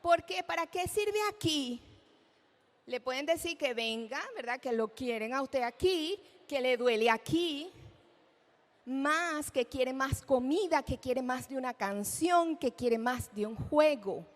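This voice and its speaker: Woman, high voice, lively lecture, questions to the audience. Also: a little slow. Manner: animated, asks the audience rhetorical questions; acts out children's speech in a high voice. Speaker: speech therapist giving a talk. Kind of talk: lecture at a live event. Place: event hall.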